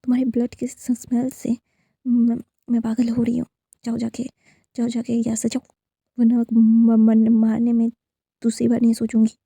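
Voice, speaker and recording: A woman's voice: high voice, little pitch movement, slow pace, vocal fry, dark tone, slightly rough, dry recording, clean studio sound, heavily acted. A woman voicing a curt, troubled young man while retelling a story, barely changing her own voice. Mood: angry.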